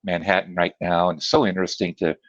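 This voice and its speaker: A man's voice: sits low, level tone, fast talker, no room sound, muffled recording. A man, a guest trainer in a casual interview, talking from his home office in an enthusiastic, rambling way with many restarts. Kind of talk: casual video-call interview.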